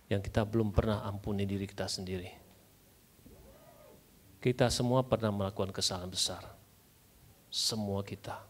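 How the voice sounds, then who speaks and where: A man preaching a Sunday sermon in church, telling a personal story with strong feeling and mixing in English phrases. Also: on the low side. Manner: emotional personal testimony, mixing in English phrases, clears throat often.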